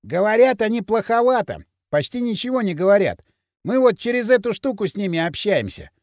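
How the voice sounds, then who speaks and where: A man playing cocky young lout, jeering, bossy, high lively voice, audiobook. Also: fairly quick, dry recording, studio quality. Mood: scheming. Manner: swaggering, jeering, loose street talk.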